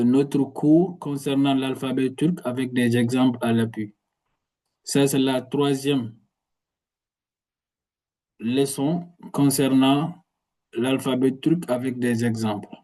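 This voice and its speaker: A man giving a spoken language lesson, slowly pronouncing each word and repeating it several times. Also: mid-range voice, steady tone, warm tone. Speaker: Turkish language teacher.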